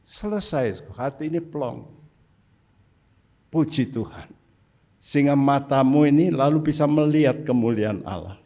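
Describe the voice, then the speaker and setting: Slow-preaching older male pastor. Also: medium pitch, dark tone. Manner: preaching with rhetorical questions to the congregation. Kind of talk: sermon. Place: church service.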